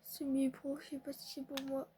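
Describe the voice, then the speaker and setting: A young woman chatting excitably to her viewers while playing a football video game. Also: high-pitched, normal speed, slight background noise. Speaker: gaming streamer. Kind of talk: casual live commentary on a football video game.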